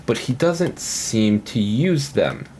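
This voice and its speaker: A man's voice: mid-range voice, very animated, takes it slowly, a little mellow, slight background noise. A man casually commenting on his gameplay at home, rambling and thinking aloud with lots of fillers. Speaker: gaming commentator.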